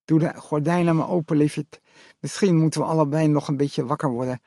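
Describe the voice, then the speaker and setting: A man's voice: a little high, steady tone, fairly quick, dark tone, no echo, studio quality, pitched above the performer's own voice, natural voice. A man reading a storybook, voicing a confused mother who has turned into a doe, with a lisping, strange voice. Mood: dazed.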